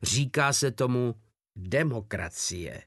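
A man's voice: mid-range voice, animated, a bit bright, no room sound, clean studio sound. A man reading aloud, voicing a cynical, boisterous German corporal deserting the war.

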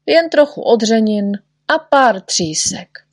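A woman's voice: a little high, animated, no room sound, studio quality. A woman voicing a fussy, patient little male doctor who soothes and chides his patient. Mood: soothing. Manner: soothing, chiding.

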